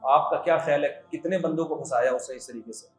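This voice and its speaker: A man gives a humorous religious lecture, telling stories with jokey asides to an audience of students. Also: fairly high pitch. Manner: storytelling, jokey asides, quoting voices. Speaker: religious scholar giving a talk. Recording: echoey hall, faint music.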